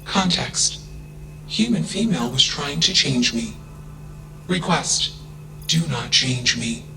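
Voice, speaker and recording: Emotionless, literal AI character, played by a man: flat delivery, unhurried and slightly gravelly, labels each statement. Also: a little high, full character voice. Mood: flat, robotic. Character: emotionless self-aware AI, curious and literal. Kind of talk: video game voice acting. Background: game music.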